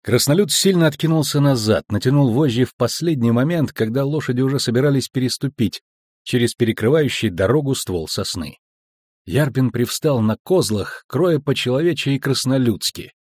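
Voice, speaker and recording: Guy reading an audiobook, husky, really lively pitch, dry close mic. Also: dry recording. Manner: expressive, measured storytelling. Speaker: audiobook narrator.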